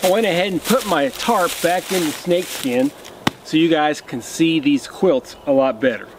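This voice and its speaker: A man in his thirties walks through his camping setup in a relaxed, practical way, explaining each piece as he handles it. He is recorded outdoors in a pine forest on a camera mic, with a faint outdoor hush behind him. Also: fairly high pitch, normal speed, background noise. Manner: relaxed, hands-on explaining while demonstrating gear. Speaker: outdoor gear vlogger. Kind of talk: casual gear demonstration.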